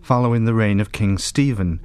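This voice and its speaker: A man giving scripted documentary narration in a measured, precise, explanatory way. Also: on the low side, darkish tone.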